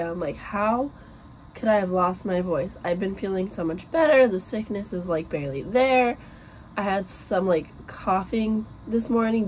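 A woman in her twenties vlogs from her small bedroom, rambling about books and everyday things with lots of fillers. Her mid-range, darkish voice sounds worn and is losing strength. The low-quality recording carries slight hiss or hum.

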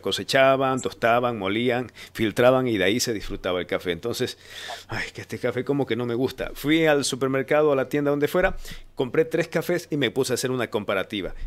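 A man's voice: mid-range voice, brisk. A young man hosting a casual video call chat, telling stories in a chatty, rambling way from a home studio with a stand mic. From Ecuador, Manabí. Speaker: host.

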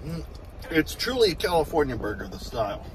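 Brief: casual male food vlogger, mouth full, chewing through his lines, steady hum behind. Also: on the high side, fairly quick. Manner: enthusiastic, chatty. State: talking while chewing. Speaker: food reviewer. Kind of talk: casual food review vlog.

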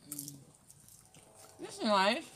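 A woman from the UK chatting casually over a meal, chewing while talking in a relaxed, teasing way. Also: medium pitch, takes it slowly. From United Kingdom. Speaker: mukbang vlogger. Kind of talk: casual mealtime chat. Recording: loud background noise and dish clatter.

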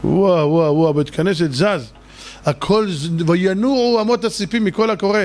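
A man, a rabbi, giving an animated sermon that swings between loud outbursts and low, slow stretches.

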